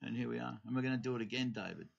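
Gravelly, husky podcast host, easygoing interviewer, muffled lo-fi sound. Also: male voice, medium pitch, racing. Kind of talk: casual chat. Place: home podcast studio. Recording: dull lo-fi studio recording.

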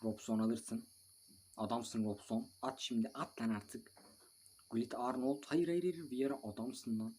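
A young man commentating live on his own mobile football match. He calls players by name, scolds them, swears a little, breaks into shouts and talks to viewers between plays. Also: mid-range voice, fairly even intonation, measured pace. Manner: bursts of shouting and mild swearing. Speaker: mobile football gamer and video maker.

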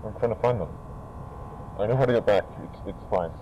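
An actor playing a young male explorer, wary but stubborn, who speaks in a hesitant, halting way. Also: fairly low pitch, dark tone, muffled recording, slight background noise, close to an everyday voice. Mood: uneasy.

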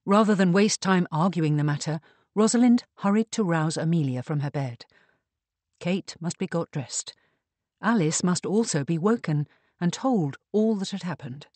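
A man reading a period mystery novel aloud in measured, even audiobook narration. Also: high-pitched, no room sound.

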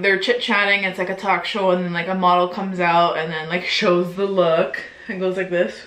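A young woman in her twenties talks casually to her camera, giggling and filling her speech with "like" and swear words. Her voice is bright and forward. The room around her rings with noticeable echo. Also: mid-range voice. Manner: chatty, giggly, peppered with "like" and swearing. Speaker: vlogger. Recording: echoey room.

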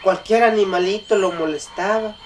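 A man with a Mexican accent telling a folk tale aloud, halting and restarting often. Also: high voice, distant mic, slight background noise. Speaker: storyteller. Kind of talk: oral folk storytelling.

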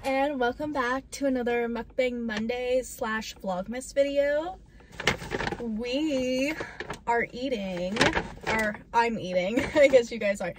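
A woman's voice: a little high, slow, music in the background. Bubbly young woman vlogger. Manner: bubbly and chatty, with many fillers. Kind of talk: casual mukbang vlog.

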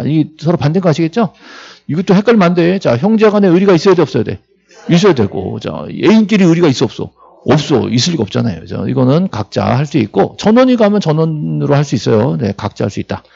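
Lively, gravelly man lecturing a class. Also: a little high, muffled recording. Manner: lively, asks students questions and answers them himself; jokey, acts out little scenes. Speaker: real estate law instructor.

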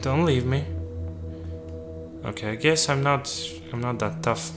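A man's voice: medium pitch, unhurried, music in the background. A man giving casual gameplay commentary, joking and talking to the game's characters as if they were his crew. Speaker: let's play gamer.

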